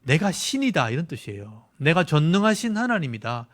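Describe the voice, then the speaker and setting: A male pastor giving a conversational, explanatory sermon in a church, pausing often on a drawn-out "eh". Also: a little high, sing-song. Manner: conversational, explanatory preaching with filler "eh".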